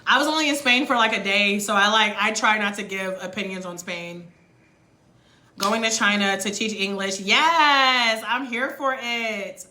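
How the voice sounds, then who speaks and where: An American woman giving a motivational livestream talk, loud and sharp, blunt and emphatic, stretching key words for effect. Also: mid-range voice, a little slow. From United States. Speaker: livestream host coaching on moving abroad.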